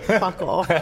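A woman's voice: mid-range voice, noisy background. A woman on a date, teasing and blunt, laughing often. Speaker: comedian on a date. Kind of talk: casual conversation on a date. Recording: music playing behind.

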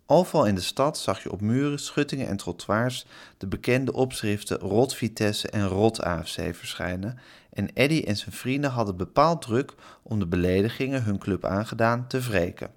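A man who works as an interviewer takes a turn as guest reader. He reads a chapter of a children's novel in a plain, conversational way. His voice sits somewhat low. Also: animated, normal speed. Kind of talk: reading a children's novel aloud.

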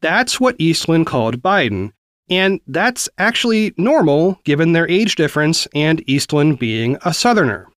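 A man's voice: a little high, sing-song, moderate pace, fairly bright tone, no room sound, clean studio sound. A man in his forties from the American South, hosting a news podcast, reading quotes and commenting in an earnest, conversational way. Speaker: podcast host.

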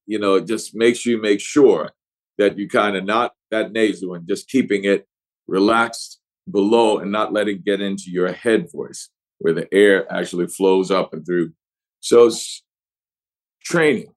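A middle-aged actor with a New Orleans accent, telling stories expansively in an interview and acting out examples with pitch swings. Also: male voice, low-quality recording. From New Orleans, USA. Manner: expansive storyteller, shifts pitch to act out examples. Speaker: actor guest. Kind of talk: animated interview talk.

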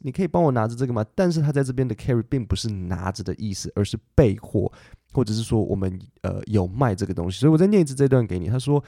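A man hosts a casual podcast lesson in a low, mellow voice. He chats easily, pausing and restarting as he thinks aloud. The sound is dry and close, with no room echo. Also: vocal fry. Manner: relaxed, chatty, thinks aloud with fillers and restarts; reads English news text slowly and carefully. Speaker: English teacher podcast host.

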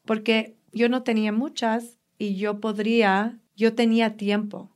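A woman's voice: on the high side, measured pace. A woman fitness trainer telling stories with enthusiasm in a casual interview. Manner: enthusiastic, animated storyteller.

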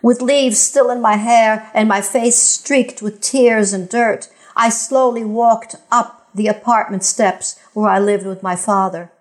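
A woman's voice: a little high, steady tone, unhurried, few pauses. An older woman reading a scripted first-person account in a plain, composed storytelling manner.

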